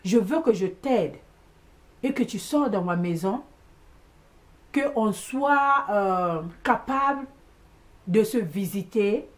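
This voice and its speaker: A woman at an ordinary middle pitch, recounting a personal story to her viewers in a loose, casual monologue. She talks with emphatic, animated energy, hammering points by repeating words. Now and then she drops in an English exclamation. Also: slow, pauses often. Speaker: vlogger recounting a household conflict.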